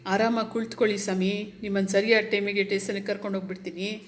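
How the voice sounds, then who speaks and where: A woman voicing a relaxed, chatty male cart driver while reading a story aloud. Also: medium pitch, fast, close to an everyday voice. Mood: reassuring.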